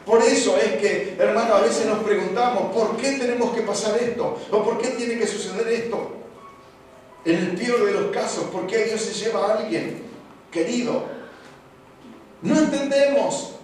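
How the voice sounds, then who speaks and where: A man with an Argentine accent preaching a sermon as pastor, going from hushed passages to loud exclamations. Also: high voice, moderate pace. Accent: Argentine Spanish. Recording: echoey hall from far off, faint noise.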